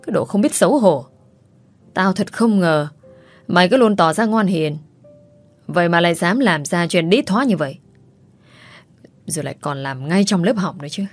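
A woman's voice: fairly low pitch, no echo. A woman voicing a mean older sister who sneers and mocks, in a storybook reading.

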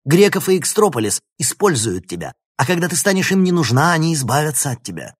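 An earnest teenage boy hero, firm and urgent as he pleads, voiced by a male narrator. His delivery rides raised and strong above the narrator's low voice, with a husky grain. The audiobook sound is close and dry. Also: sing-song, fast, no echo. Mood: pleading.

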